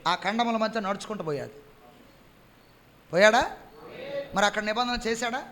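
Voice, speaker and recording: A man preaching a sermon, quizzing the congregation and stretching key phrases slowly and loudly. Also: high-pitched.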